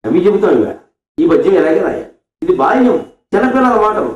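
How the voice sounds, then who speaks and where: This spiritual discourse speaker, a man with a high voice, alternates between explaining and chanting verse slowly in an animated storytelling style. The devotional talk comes through echoey and distant, with a dull lo-fi quality.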